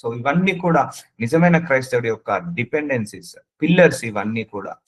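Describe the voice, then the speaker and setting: A man's voice: medium pitch, animated, a little fast, poor audio. A man preaching a sermon, earnestly addressing the listener with repeated questions and slipping English words into his speech.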